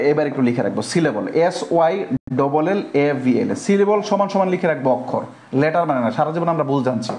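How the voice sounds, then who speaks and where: A man's voice: a little high, darkish tone, roomy sound. A male Bangladeshi teacher giving a classroom grammar lecture, often quizzing the students with questions and spelling words out letter by letter. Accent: Bangladeshi Bengali.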